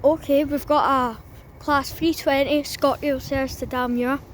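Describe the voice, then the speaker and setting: A high-pitched female voice gives casual trainspotting commentary. She talks informally to viewers from an open-air platform, with clear noise around her. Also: fairly even intonation, a little slow. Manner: informal, addresses viewers as guys. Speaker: trainspotting vlogger. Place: outdoors on a railway station platform. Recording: noisy outdoor recording.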